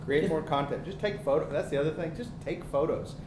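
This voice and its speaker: A man's voice: on the high side, a little fast. A man giving casual advice as a speaker on a panel. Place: panel event room with an audience. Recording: echoey, noisy room.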